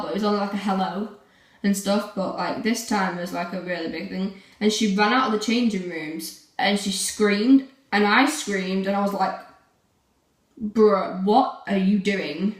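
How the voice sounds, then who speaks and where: A teenage girl chatting casually to camera in a rambling way, full of fillers. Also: mid-range voice. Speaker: vlogger. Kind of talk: casual vlog chat. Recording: roomy, from a distance.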